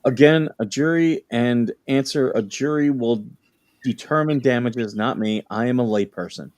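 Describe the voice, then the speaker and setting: A man's voice: medium pitch, normal speed, a little mellow, dry recording, lightly acted. Man hamming up a defensive, indignant plaintiff. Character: defensive, indignant male plaintiff under questioning. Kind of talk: dramatic reading of a deposition transcript.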